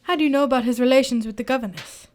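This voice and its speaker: A woman playing a genial, polite doctor, a detective's gentlemanly companion, in an amateur radio drama. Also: high-pitched, racing, close to an everyday voice. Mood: amused, surprised.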